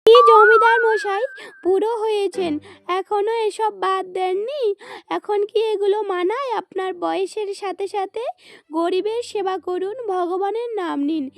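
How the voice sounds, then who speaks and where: A woman's voice: very high-pitched, a little slow, fairly bright tone, full character voice. A woman voicing a scolding, overworked landlord's wife in a cartoon. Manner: scolding, complaining. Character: nagging, overworked middle-aged landlord's wife. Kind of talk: cartoon voice acting. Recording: faint music underneath.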